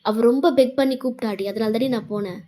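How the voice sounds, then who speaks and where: A woman's voice: a little high, fast talker, dark tone, close to an everyday voice. A woman voicing a young man who keeps apologizing and pleading with his girlfriend in a fan fiction voice-over. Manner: coaxing, apologetic.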